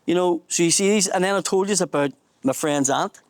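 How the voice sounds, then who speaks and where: A man's voice: high voice, fairly quick, no room sound. A man in his forties with a Belfast accent, a comedian guiding a casual tour outdoors and telling history in a blunt, sweary way. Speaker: tour guide and comedian host. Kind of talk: casual guided tour chat. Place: outdoors at a memorial garden in a housing estate. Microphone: small handheld mic.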